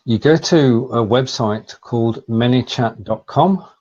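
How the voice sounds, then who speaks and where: A slightly muffled, lo-fi video call carries a man with a Lancashire accent and a mid-pitched voice. He hosts in a casual, explanatory style, feeling his way through sentences with halting phrasing. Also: darkish tone, breathy edge. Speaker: live show host. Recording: slightly dull, lo-fi sound.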